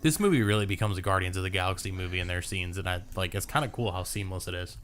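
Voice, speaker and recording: A man's voice: low voice, fast talker, fairly bright tone. A man chatting casually over a movie as co-host, thinking aloud and dropping dry quips. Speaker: co-host of a movie watch party. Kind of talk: casual commentary over a film.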